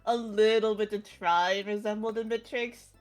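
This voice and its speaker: A woman player in a tabletop game who talks slowly and giggles between words. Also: mid-range voice, steady tone, loud music behind the voice. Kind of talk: casual tabletop role-play.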